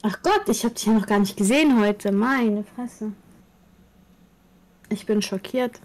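Woman, mid pitch, playful teasing banter, fussing over her looks. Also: unhurried, darkish tone, poor audio. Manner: teasing, self-critical. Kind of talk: casual chat.

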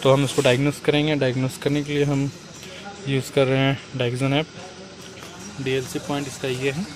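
A young mechanic's medium-pitched voice barely rises or falls as he explains, at normal speed, how to do a repair on an engine. The phone footage is close-up, shot inside a car and at the open engine bay outdoors, with background noise present.

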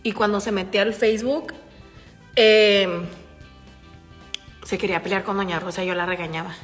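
A woman's voice: mid-range voice, fairly even intonation, normal speed, big-room sound, faint music behind. A woman with a Mexican accent telling a gossip story on her live stream, with a profane, slangy manner, addressing her viewers as girls. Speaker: livestreamer and online shop owner. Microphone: phone.

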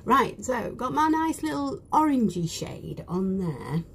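Woman, broad British accent, unhurried live-stream chatter with whispered asides, small cabin, faint hum behind. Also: on the high side, sing-song, vocal fry. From United Kingdom. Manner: chatty, drops into soft whispered asides while working. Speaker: beauty vlogger. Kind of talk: casual live makeup chat. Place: small cruise ship cabin.

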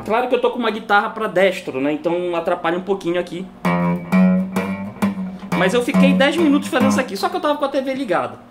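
Chatty guitar teacher. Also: female voice, medium pitch, lively intonation, fast talker. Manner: chatty, tags sentences with "né?"; explains while demonstrating on guitar. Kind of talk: casual video lesson.

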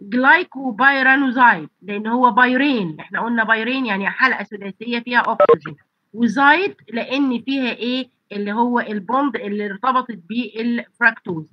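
A woman's voice: on the high side, fast talker, no room sound, lo-fi sound. A woman lecturer with an Egyptian accent and a blocked nose and throat, teaching an online class and asking and answering her own questions. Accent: Egyptian Arabic. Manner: asks students rhetorical questions and answers them. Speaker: pharmacy college lecturer. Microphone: computer mic on a video call.

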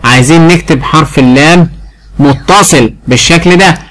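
A man with an Egyptian Arabic accent teaching a phonics lesson to a child, stretching out syllables slowly and clearly. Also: on the high side, a bit bright, poor audio. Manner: drawn-out, exaggerated syllable sounding.

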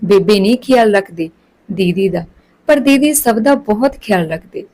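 A woman's voice: mid-range voice, lively intonation, normal speed, a little mellow, natural voice, rough recording. A woman voicing an earnest, chatty young village girl in a storybook reading.

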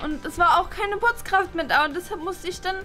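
A young woman acting out a sulky, tearful teenage schoolgirl in a family role-play drama. Her high voice goes small and quiet when she is upset, and faint music plays underneath. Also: brisk. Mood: tearful, pleading.

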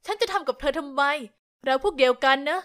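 Calm kind young guy boss in a storybook tale, voiced by a woman, bright high voice. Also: fast talker. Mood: reassuring. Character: young male company director, calm and kind.

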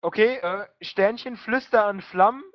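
At a high pitch and measured pace, with no room sound, a drunk young German-accented gamer curses crudely over casual voice chat. The recording is muffled and lo-fi, and he's excitable, swearing constantly.

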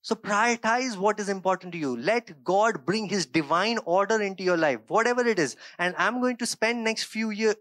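Conversational pastor preaching on a dry stage. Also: male voice, high-pitched, moderate pace, few pauses, a bit bright, no room sound. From India. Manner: conversational, often checks in with the audience; gestures a lot while preaching on a stage. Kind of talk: sermon. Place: small church stage studio, indoors. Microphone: handheld mic.

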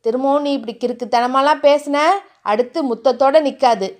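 A woman playing a brooding, possessive young male hero who talks low, gruff and teasing. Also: steady tone, brisk, close to an everyday voice. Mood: tender, teasing.

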